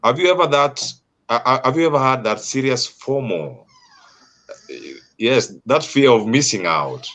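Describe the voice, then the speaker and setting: A man with a Kenyan accent hosting an interview, asking long, winding questions with slow, emphatic phrasing. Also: medium pitch, expressive, a bit bright. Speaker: host. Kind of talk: interview host.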